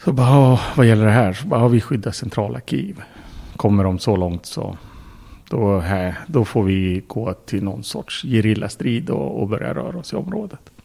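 A man's voice: fairly low pitch, dark tone. A man, a podcast guest, telling a story in casual speech, bluntly, with swearing and acted-out quotes. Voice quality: gravelly, husky.

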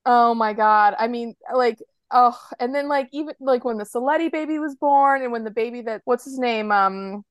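A woman's voice: on the high side, normal speed, few pauses, clear, resonant tone, dry recording. An American woman co-hosting a TV rewatch podcast, talking in a rambling, gushing way full of "like" fillers. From United States. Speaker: podcast co-host. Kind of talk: casual chat.

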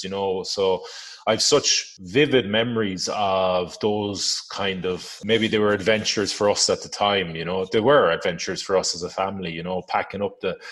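A man with a west of Ireland accent telling personal stories in a reflective, halting, informal interview manner. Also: low-pitched, fairly bright tone. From Galway, west of Ireland. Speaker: adventurer guest. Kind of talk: conversational interview storytelling.

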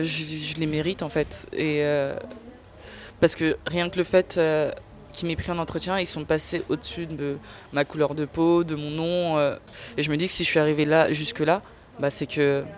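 A young woman in an interview, speaking candidly and earnestly about her own experience, often pausing to search for words. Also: low-pitched. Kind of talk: candid personal testimony.

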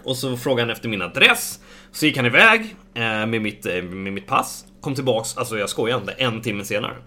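A man's voice: mid-range voice, expressive, bright, forceful tone. A young man casually telling a travel story, acting out the exchanges he quotes and swearing freely.

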